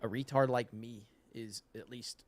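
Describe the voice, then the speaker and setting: A man's voice: mid-range voice, steady tone, a little slow. A man chatting casually on a livestream at a political convention, rambling with many restarts, his handheld mic held too far away so the audio keeps cutting out. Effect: mic audio cutting out and dropping. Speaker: livestream co-host. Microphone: handheld mic held too far from the mouth.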